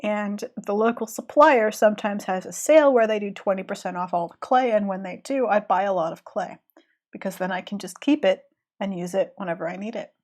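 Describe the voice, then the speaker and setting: A woman's voice: mid-range voice, a little fast, a little mellow. A woman with a cold, chatting casually and rambling with restarts while she draws on a live stream. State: has a cold. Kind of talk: casual chat while drawing.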